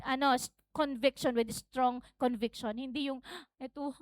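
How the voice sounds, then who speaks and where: A woman pastor with a very high voice delivers an impassioned sermon, mixing Tagalog and English. She builds to shouted calls at times. The sound is dry and close, with no room echo. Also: fairly even intonation, measured pace. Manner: fervent preaching, rising to shouted exhortation; switches between Tagalog and English mid-sentence.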